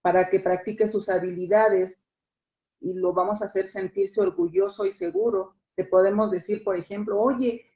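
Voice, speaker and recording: Brief: measured woman guest expert, mid-pitched, echoey room, dull audio. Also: little pitch movement. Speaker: psychologist guest. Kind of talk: calm expert explanation. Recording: dull, roomy lo-fi sound.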